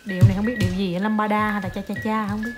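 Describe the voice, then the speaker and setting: A woman's voice: medium pitch, level tone, racing, over music. A mother with a Southern Vietnamese accent, chatting playfully to her toddler and to viewers, teasing and slipping in English words. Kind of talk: casual home video chat.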